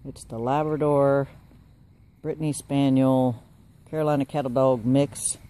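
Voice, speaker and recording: Slow-talking man chatting with his pet. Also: mid-range voice, dark tone. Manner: chatty, teasing, laughs often, coos at the bird. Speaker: pet owner filming his goose. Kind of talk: casual chat to camera and pet. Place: at home, outdoors by the driveway.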